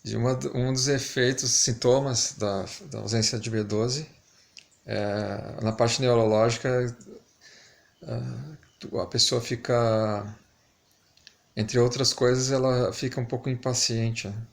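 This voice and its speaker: An amateur video maker talks casually and reflectively to camera, hesitant and pausing often. His medium-pitched voice has fairly even intonation and vocal fry, and a dental retainer makes his articulation slightly lisped and stumbling.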